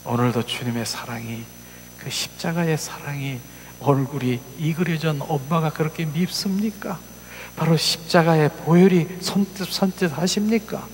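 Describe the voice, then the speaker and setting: A man preaching an emotional sermon, telling a story and acting out its voices, moving between soft whispers and loud cries. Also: fairly high pitch, normal speed, in a large hall, slight background noise. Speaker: pastor. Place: church sanctuary.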